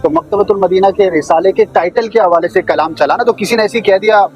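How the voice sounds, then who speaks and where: A man's voice: high voice, fairly quick, darkish tone, faint music behind. A man, a guest on a talk show, recounting an anecdote and quoting the people in it.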